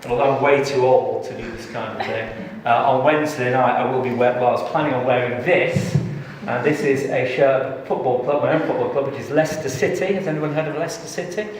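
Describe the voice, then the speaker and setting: A middle-aged man from England delivers a live tax training in a large training room, chatting, joking and engaging the crowd. His mid-range voice runs fast with few pauses. The far-off, echoey hall recording has slight background noise.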